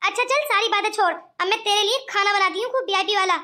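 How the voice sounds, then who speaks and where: Woman doing a high, bright-voiced scheming cartoon granny, coaxing. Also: fast talker. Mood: scolding. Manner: coaxing, calls others 'beta'. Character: scheming rich old grandmother. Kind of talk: cartoon voice acting.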